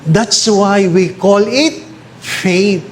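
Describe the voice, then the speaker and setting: Filipino man, priest, slow lively talk, high voice, faint background hiss. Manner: animated storytelling with high-pitched voices for characters.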